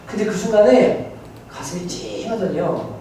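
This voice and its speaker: A man's voice: high-pitched, expressive, moderate pace, gravelly, warm tone. A male pastor delivers a sermon, moving from casual storytelling to impassioned preaching. His intonation swings widely, and his voice rings through a very reverberant church hall. The mic is set far back, with a faint room hiss underneath. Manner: conversational storytelling rising to fervent preaching. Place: church sanctuary.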